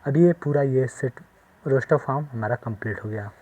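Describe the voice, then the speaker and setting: A man giving a maths lesson at a board, explaining step by step slowly and often checking that the class follows. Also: mid-range voice, mellow. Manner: slow, repetitive explaining with frequent check-ins. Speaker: maths teacher.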